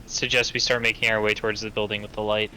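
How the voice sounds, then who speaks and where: Guy at the game table, lowish but really sharp, bright voice, careful, hesitant. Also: flat delivery, fast, a little hiss or hum, low-quality recording. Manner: cautious, hesitant. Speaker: player. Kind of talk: casual tabletop play.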